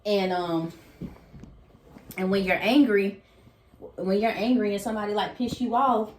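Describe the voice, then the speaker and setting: A woman's voice: medium pitch, steady tone, measured pace. A woman talks straight to her viewers in a casual motivational vlog, folksy and preachy, with a mid-range voice. She calls everyone baby and y'all. The room sounds echoey, with a faint hiss underneath. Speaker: motivational vlogger. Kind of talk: casual motivational talk to camera.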